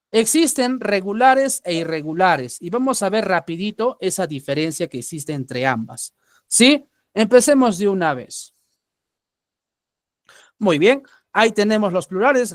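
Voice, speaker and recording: A high-voiced man from Peru takes learners through a grammar lesson. He is patient, checks in often and repeats example words slowly. His voice sits close and dry on the mic, with no room around it. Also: no echo. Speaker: English teacher.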